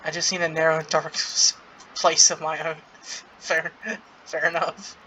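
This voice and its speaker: Casual gaming playthrough voice, mid-pitched and bright, reading dialogue aloud with amused, giggly reactions. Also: little pitch movement, measured pace, slight background noise, poor audio. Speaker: gaming content creator playing through a story event.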